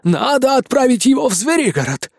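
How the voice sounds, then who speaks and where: Squeaky, self-important scholar rat voiced by a man; shrill and swooping. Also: sing-song, brisk, no room sound, studio quality, full character voice. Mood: smug.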